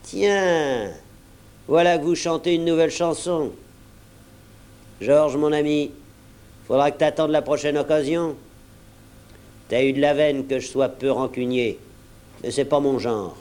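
A man's voice: on the high side, unhurried, pauses often, smooth, lightly acted. A man voicing a blustering, cunning male pirate captain who bullies and mocks his crew. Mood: mocking. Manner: loud, bullying, scornful.

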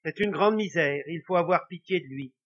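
A man voicing a wise village priest who speaks gravely and slowly. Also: fairly high pitch, fairly bright tone, voice pushed up. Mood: solemn. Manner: slow, grave, measured. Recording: dull lo-fi recording.

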